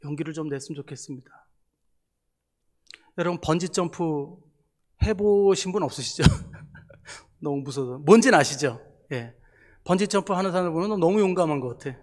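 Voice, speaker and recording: A middle-aged man delivers a sermon as a missionary pastor, and his voice sits a little higher than most men's. He sounds conversational and animated, often turning to the congregation with rhetorical questions. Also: normal speed, long pauses.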